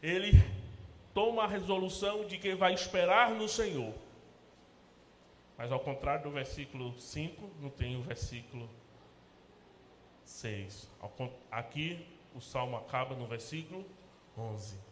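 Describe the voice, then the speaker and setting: A man with a Brazilian Portuguese accent, a pastor preaching a sermon in church, rising to loud emphatic peaks and dropping to soft, low asides. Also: measured pace, long pauses, slight background noise. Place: church sanctuary. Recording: echoey church hall with long reverb.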